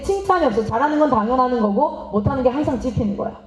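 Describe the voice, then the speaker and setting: High, animated woman lecturing in a hall. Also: rapid-fire. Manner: animated, asks the audience questions and acts out parents and children. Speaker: missionary speaking at a teachers' seminar. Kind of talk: lively seminar lecture. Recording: roomy, slightly dull hall recording.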